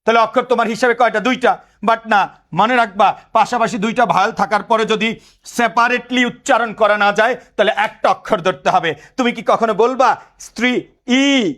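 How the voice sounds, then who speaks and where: Man, high voice, quizzing teacher, repeats questions. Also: brisk, fairly bright tone. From Bangladesh. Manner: drills students with repeated questions. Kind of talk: lecture.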